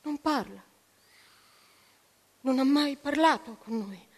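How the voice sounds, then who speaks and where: A woman voicing a hoarse, worn-out farm parent of a strange boy, in a reading with long reverb. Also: high voice, slow, voice pushed up, heavily acted. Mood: weary.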